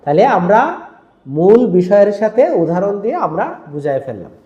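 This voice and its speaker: A man teaching Quran reading rules to teachers, explaining step by step and drilling sounds in slow repetition. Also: high voice, expressive, warm tone, echoey room, dull audio.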